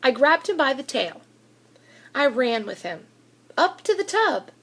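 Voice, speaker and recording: A woman with a high voice, a school reader of children's books, reads a picture book aloud. Her pace is slow and deliberate, and her animated storytelling gives the words expressive emphasis.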